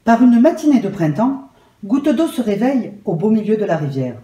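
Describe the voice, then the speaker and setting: A woman telling a children's story aloud in a calm, measured and soft way. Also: medium pitch. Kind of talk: gentle read-aloud storytelling. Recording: roomy echo.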